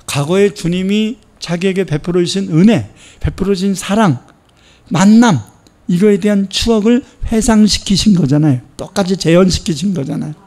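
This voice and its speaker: A man's voice: high-pitched, moderate pace, a little mellow. A man, a pastor, preaching a sermon with emphatic rhetorical questions and acted-out dialogue. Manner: acts out quoted dialogue.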